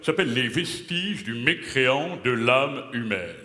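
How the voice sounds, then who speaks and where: A man's voice: medium pitch, expressive, a little slow. A man playing a pompous, self-important playwright before a live audience, declaiming grandly and laughing at his own jokes. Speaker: comedian performing a character for a live crowd. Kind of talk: improvised comic character act. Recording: echoey hall with loud crowd noise.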